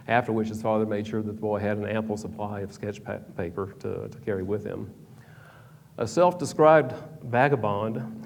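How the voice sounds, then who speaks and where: A man with a fairly low, slightly mellow voice reads a prepared history talk from a script, with small stumbles and restarts. The hall is reverberant, with a faint background hum.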